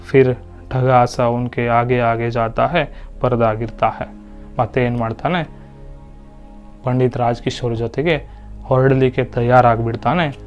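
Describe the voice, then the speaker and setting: A man's voice: mid-range voice, steady tone, a little slow, pauses often, dull audio, faint music behind. Male Hindi teacher explaining. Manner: reads Hindi lines, then explains them in Kannada. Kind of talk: lesson explaining a Hindi play in Kannada.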